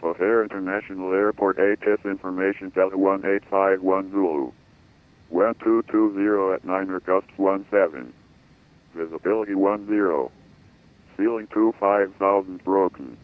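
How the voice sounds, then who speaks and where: A man reading an airport weather broadcast over an aircraft radio, in a flat, measured delivery of codes and numbers. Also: sits low. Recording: tinny radio transmission.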